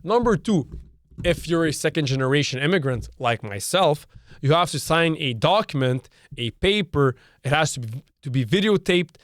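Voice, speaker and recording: A man's voice: on the high side, animated, normal speed, dry recording. A young man from Canada, a Serbian native speaker, hosting a solo opinion podcast and hammering his points by number with lots of repetition. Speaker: podcast host.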